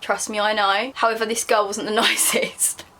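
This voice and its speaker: A woman's voice: mid-range voice, level tone, normal speed, bright, forceful tone. A young woman with a southern English accent reads her diary aloud casually, embarrassed and self-mocking, breaking off for chatty asides. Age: young adult. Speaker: vlogger.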